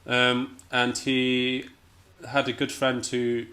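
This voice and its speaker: In a slow, monotone delivery with a sharp tone and medium pitch, a Scottish jazz pianist talks casually as an interview guest. He sounds hesitant, understated and self-deprecating.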